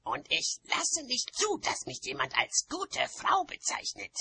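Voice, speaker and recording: Nanny Ogg, shrill old witch. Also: wildly swooping pitch, unhurried, pushed and bright, no room sound, exaggerated voice. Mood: shrieking. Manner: squeaky, shrill, quarrelsome. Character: shrill, touchy old witch, a gossipy crone.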